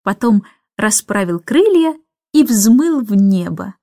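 Woman audiobook narrator, lively storytelling, dry close sound. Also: mid-range voice, takes it slowly, no echo.

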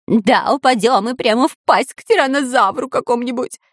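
A woman's voice: a little high, brisk, no echo, pitched above the performer's own voice, natural voice. A woman voicing a whiny, cowardly male spy in a children's audiobook, who grumbles and whines. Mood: panicked. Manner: whining and grumbling.

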